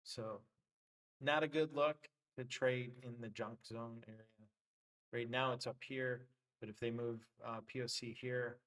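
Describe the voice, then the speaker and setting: Male livestream host with a worn voice, loose filler-heavy chart talk, mid-range pitch. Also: fairly even intonation, a little slow, fairly bright tone, low-quality recording. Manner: loose, thinking aloud with many fillers. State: voice getting worn. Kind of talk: casual live trading commentary.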